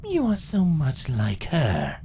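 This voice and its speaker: An imperious fantasy storybook empress, ancient and menacing. Her high voice swoops with condescension while staying deliberate and in control. Faint ambience sits behind her. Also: huge pitch swings, dark tone, slight background noise, heavily acted. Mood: calm, menacing.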